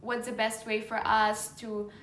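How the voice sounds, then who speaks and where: A woman's voice: on the high side, little pitch movement, unhurried, fairly bright tone, a little hiss or hum. Upbeat British-accented woman, echoey room. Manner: upbeat, encouraging, many "like" fillers. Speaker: life coaching program host. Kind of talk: motivational vlog talk to followers.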